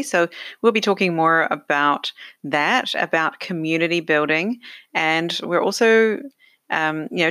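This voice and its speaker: Woman podcast host, middle-aged, chatty with lots of ums, fairly low voice, dry close sound. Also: no room sound. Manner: chatty, warm-voiced with many fillers. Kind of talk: casual podcast interview. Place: home.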